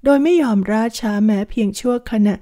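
Solemn, loyal male servant in an audiobook, slightly high and mellow, read by a woman. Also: brisk, lightly acted. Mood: resolute.

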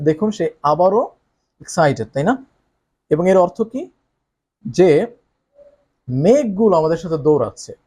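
A man teaching English who explains how to read a story aloud, often reading lines slowly with exaggerated expression and asking the listener tag questions. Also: mid-range voice, a little mellow.

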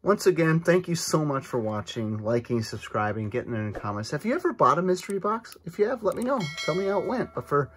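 A man's voice: a little high, very animated, fast, hardly any pauses, a bit bright. A man hosting a casual card-opening vlog, chatting with enthusiasm and frequent asides from an indoor table. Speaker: card-opening channel host.

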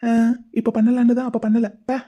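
A woman's voice: a little high, little pitch movement, fairly quick, slightly rough, dull audio. A woman voicing a caring, playful young man in a cartoon, coaxing and teasing his crying older sister in a chatty way. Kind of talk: Tamil cartoon voice acting.

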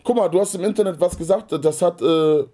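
Ein Mann spielt einen höflichen, aber bestimmten italienischen Vereinsfunktionär, der Deutsch mit italienischem Akzent spricht. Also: male voice, high voice, brisk, mellow, voice pushed up. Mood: conciliatory. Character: polite but firm Italian football club official, man.

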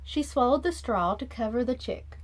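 A woman in her thirties hosts a children's read-aloud, giving a rhyming storybook an expressive, sing-song reading. Her voice is a little high and her speed normal. She's recorded in a small indoor room about arm's length from the device.

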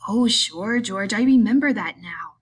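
In an audiobook, a woman voices a big, simple, childlike male farm laborer, sounding eager, pleading, and delighted. His speech comes out halting, repetitive, and rustic, in her mid-range, husky voice with lively intonation.

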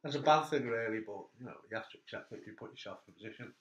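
A middle-aged man hosting a casual interview chat, telling stories with animated bursts. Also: on the low side, rapid-fire, dull audio. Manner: animated storyteller, voice jumps up when telling funny bits. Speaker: host. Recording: echoey room.

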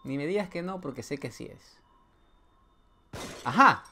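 A man's voice: on the high side, a little fast, darkish tone, a little hiss or hum. A man commenting his way through a horror video game, joking, talking back to the game and letting out sudden yelps. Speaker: gameplay streamer. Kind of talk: playthrough commentary.

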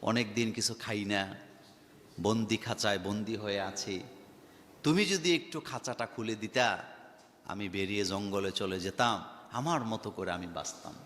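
A man voicing an angry, bossy male lion inside a told fable, gruff and scolding. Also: lowish voice, unhurried, long pauses, a bit bright, big-room sound. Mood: pleading. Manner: gruff scolding, calls others fool.

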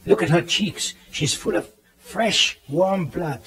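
Grave old professor, audio horror drama. Authoritative, theatrical, swooping intonation, deliberate delivery. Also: male voice, sits high, expressive, a bit bright, exaggerated voice. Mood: grim, solemn. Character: commanding, grave elderly professor and vampire hunter. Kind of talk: dramatized audio play acting. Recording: 1979 cassette audio drama, background bustle.

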